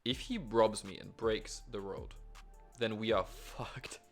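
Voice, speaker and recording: A young man gives running commentary on his own online board game, swearing and talking to himself as the rolls go his way or not. His voice sits a little low with a gravelly fry, and faint music plays underneath. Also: takes it slowly. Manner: excitable, swearing, talks to himself. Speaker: streamer. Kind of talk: live gameplay commentary.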